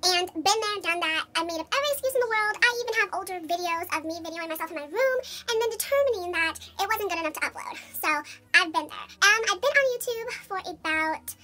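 Woman, twenties, squirrel-voice effect, very high and squeaky, rapid, bright, rambling vlog chatter. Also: animated. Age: 20s. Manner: rambling, giggly, full of likes and ums. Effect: squeaky sped-up squirrel voice. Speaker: beauty vlogger giving channel tips.

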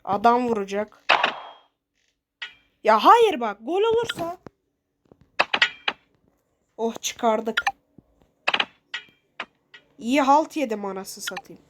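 A woman narrates her football video game match live, shouting and groaning at missed shots. Her voice is high and leaps all over the place, though her words come slowly. Loud noise and clicking run under the recording. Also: big pitch swings. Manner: shouting, exasperated, swearing at the game. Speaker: gaming video host. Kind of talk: excited live game commentary.

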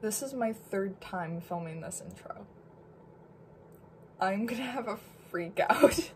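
A woman's voice: mid-range voice, lively intonation, slow, a little hiss or hum. A young woman chatting casually and jokingly to her viewers as a vlogger, swearing freely. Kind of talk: casual chat.

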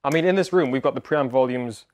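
A man's voice: medium pitch, fast talker, a little mellow. A man in his thirties hosting an informal, bantering interview in a guitar shop. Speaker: host interviewing a product representative. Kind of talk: casual banter and interview chat.

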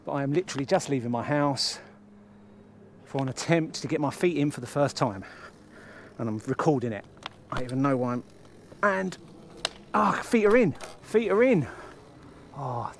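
Guy, 30s, self-filmed vlogger, mid-pitched voice, self-mocking and chatty, faint outdoor noise behind him. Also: animated, moderate pace. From England. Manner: chatty, self-mocking, talks to himself while fumbling. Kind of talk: casual self-filmed vlog commentary. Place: garage, then outdoors cycling on roads. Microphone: action camera mounted on bike and chest.

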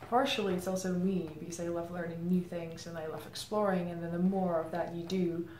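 Woman, 30s, lowish voice, thoughtful interview answers with pauses, faint room hiss. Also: level tone, darkish tone. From Czech Republic. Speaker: marketing head interviewed as guest. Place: indoor room against a plain grey backdrop. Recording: roomy echo, faint ambient noise.

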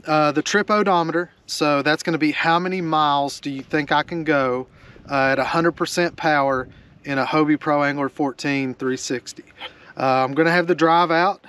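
A man in his forties hosting a casual fishing vlog outdoors on a kayak on a small lake, talking in a relaxed, chatty way with many fillers into a close-mounted action camera. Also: on the high side, smooth. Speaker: fishing channel host. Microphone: action camera mounted close in front.

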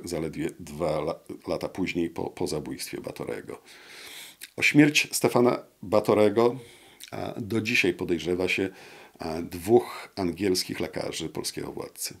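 A man in his sixties, an interview guest, explaining history at a measured pace with many hesitant fillers, recorded on a lapel mic in a studio room. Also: low voice, big pitch swings, creaky, breathy edge. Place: wood-panelled studio room with brick wall.

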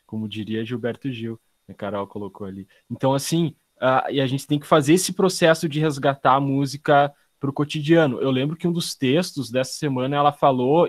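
A man's voice: mid-range voice, dry recording, studio quality. A man speaking in a casual video call discussion, thoughtful, with many fillers and restarts. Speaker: study group participant.

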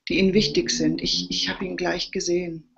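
A woman's voice: lowish voice, flat delivery, brisk, gravelly, fairly bright tone, a little hiss or hum. A woman voicing a young, nervous male firefighter who stammers, in a dull lo-fi recording. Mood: shaken.

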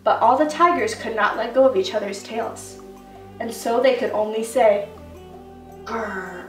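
A woman teacher reads a children's story aloud in a gentle, expressive voice that sits high. Her voice bounces around an echoey room and sounds set back from the mic. Soft music plays faintly underneath. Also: moderate pace, recorded from a distance.

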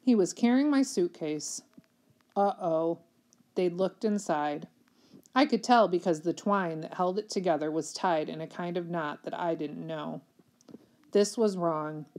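Reader: woman, lowish voice, steady read-aloud of a children's novel. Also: a little slow.

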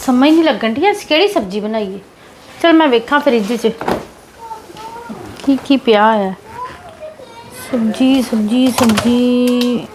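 A woman's voice: fairly high pitch, lively intonation, normal speed, long pauses. A woman acting a family woman in a drama skit, coaxing and reassuring. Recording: noisy background.

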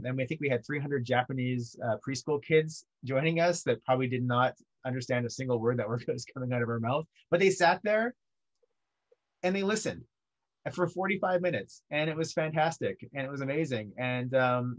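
A man's voice: medium pitch, brisk, highs cut off. Man chatting on a video call. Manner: lively, warm thanks, frequent ums. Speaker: co-author hosting a book talk. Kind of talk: casual video call chat. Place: home studio with art banner behind. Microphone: video call webcam.

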